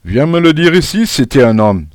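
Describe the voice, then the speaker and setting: A man's voice: a little high, lively intonation, brisk, no echo, clean studio sound, voice pushed up, close to an everyday voice. A man voicing a brash, combative schoolboy who talks in a cheeky, taunting way.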